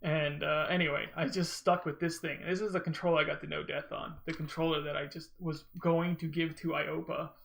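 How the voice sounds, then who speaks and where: A man's voice: a little high, level tone, brisk, vocal fry, few pauses, fairly bright tone. A man giving casual, rambling gameplay commentary as a speedrunner, often breaking off and restarting his thoughts. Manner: rambling, informal, self-interrupting storytelling. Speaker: gamer, speedrunner commentating own run.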